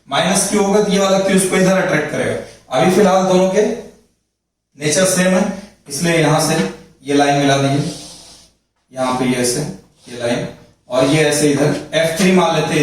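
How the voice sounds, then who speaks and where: A man teaching physics in a lecture, explaining step by step and often checking that students follow. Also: a little high. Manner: explains step by step, repeats points, checks with "thik hai". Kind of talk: classroom lecture at a board. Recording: very echoey room, mic far off.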